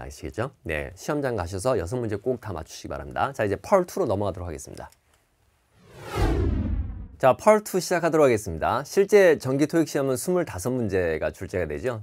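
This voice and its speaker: A man's voice: fairly low pitch, a little mellow. A man teaching TOEIC listening in an online lecture, explaining each answer and repeating key words.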